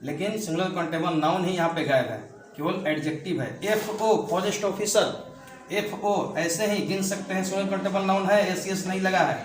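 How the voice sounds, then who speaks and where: High-voiced man teaching, echoey room. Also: brisk, a little hiss or hum. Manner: asks rhetorical questions and answers them himself. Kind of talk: grammar lesson explanation. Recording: echoey room, mic at a distance.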